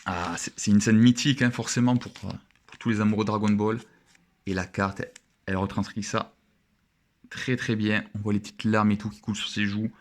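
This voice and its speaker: A man's voice: on the low side, flat delivery, moderate pace. A young man chatting casually and with enthusiasm as he opens trading cards and admires each one. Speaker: card opening vlogger. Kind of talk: casual card-opening commentary.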